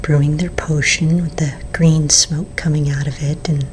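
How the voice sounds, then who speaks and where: A woman gives an ASMR role-play of a library story hour in a soft, breathy library soft voice. Her voice sits low, and she moves gently and informally through a picture book. A faint low rumble of noise lies under the recording. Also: flat delivery, moderate pace. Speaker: librarian reading a Halloween picture book aloud.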